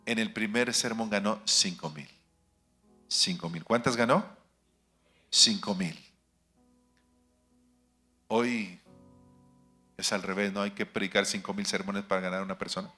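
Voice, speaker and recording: A male pastor with a very bright, forceful voice delivers an emphatic sermon in a church. He peppers the congregation with rhetorical questions and moves between booming declarations and quiet asides. Soft instrumental music plays underneath. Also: fairly even intonation, a little slow, long pauses. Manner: swings between loud declarations and hushed asides. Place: church sanctuary.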